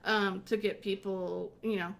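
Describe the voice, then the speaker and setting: A woman's voice: medium pitch, flat delivery, a little slow, gravelly, a bit bright. Lady host rambling casually, lots of likes and uhs, middle voice. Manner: rambling, many fillers and restarts. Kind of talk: casual podcast chat.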